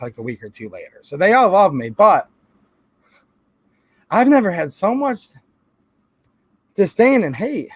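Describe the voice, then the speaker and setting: A high-pitched man with a Michigan accent hosts a firearms channel, recorded with no echo. He talks casually to camera, chatty and sarcastic, often calling viewers "guys" and holding items up to the camera as he speaks.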